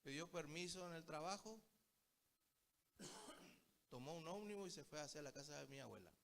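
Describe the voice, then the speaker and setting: A man's voice: on the high side, lively intonation, normal speed, vocal fry, a bit bright, a little hiss or hum. A man preaching a Bible study sermon, telling stories and often calling his listeners brothers. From Paraguay. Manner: storytelling, keeps addressing the listeners as brothers.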